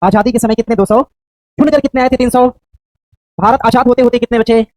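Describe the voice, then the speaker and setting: A woman teacher coaching a class for an exam, quizzing students with rapid, repeated questions. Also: fairly high pitch, steady tone, darkish tone, dry recording, low-quality recording.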